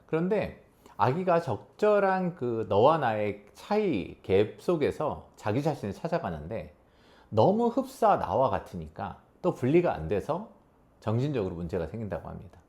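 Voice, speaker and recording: Guy coaching a room, middle pitch, super lively up and down, acts out little quotes. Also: moderate pace. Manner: animated, acts out quoted voices with big pitch swings. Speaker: coach giving a talk on relationships. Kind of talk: spoken lecture to an audience.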